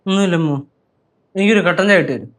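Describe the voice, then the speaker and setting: An actor playing a boastful, stubborn young husband in a TV sitcom, argumentative in manner. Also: male voice, quick pace. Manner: boastful, argumentative, lively swings of pitch. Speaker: sitcom character. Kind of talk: TV sitcom acting.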